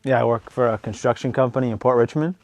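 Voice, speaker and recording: A man's voice: mid-range voice, fast talker, a little mellow, no room sound. A young man giving casual, offhand interview answers. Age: young adult.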